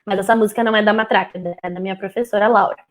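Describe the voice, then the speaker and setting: A woman's voice: mid-range voice, racing. A young woman, a music teacher chatting casually in a live stream, now and then singing short playful bits of children's songs. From southern Brazil. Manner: lively, sings short playful phrases to show children's songs. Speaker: music teacher and speech therapist guest.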